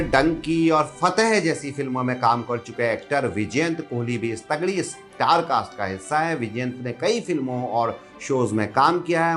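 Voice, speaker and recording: A man's voice: medium pitch, a bit bright. A man reading a scripted entertainment news roundup in an upbeat, gossipy way.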